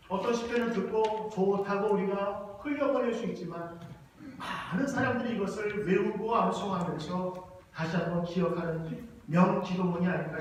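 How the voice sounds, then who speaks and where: Brief: male pastor, fairly high voice, emphatic sermon, recorded from afar in a very echoey hall. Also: a little hiss or hum. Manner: slow, emphatic scripture reading. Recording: echoey church hall from far off.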